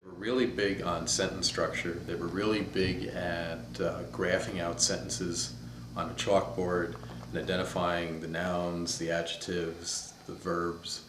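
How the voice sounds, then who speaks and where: Deep-voiced man in his fifties reminiscing. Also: little pitch movement, unhurried, background noise. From upstate New York, USA. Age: 50s. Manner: thoughtful, storytelling, searches for words. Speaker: interviewee. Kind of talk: reminiscing interview. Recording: echoey room.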